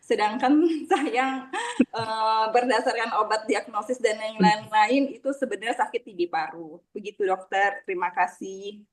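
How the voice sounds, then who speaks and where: A woman doctor telling a patient anecdote in a measured, unhurried way during a group discussion. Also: a little high, fairly even intonation, a crowd in the background. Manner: slow, measured storytelling with fillers.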